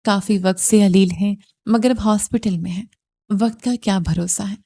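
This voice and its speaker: A woman voicing a caring middle-aged aunt in an audio novel who gives gentle, motherly instructions. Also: medium pitch, steady tone, natural voice. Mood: concerned.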